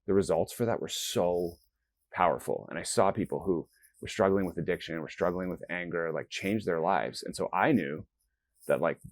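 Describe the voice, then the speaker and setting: This is a man with a notably deep, low voice, speaking in an interview. He explains things earnestly and step by step, slipping into quoted self-talk along the way. The sound is close and dry, with no room echo. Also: normal speed. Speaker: guest, company founder. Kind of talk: interview conversation.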